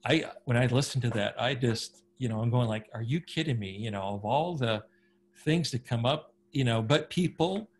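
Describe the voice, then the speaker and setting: A man's voice: medium pitch, moderate pace, slight background noise. A man speaking as an interviewer in an earnest, conversational way. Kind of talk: casual interview talk.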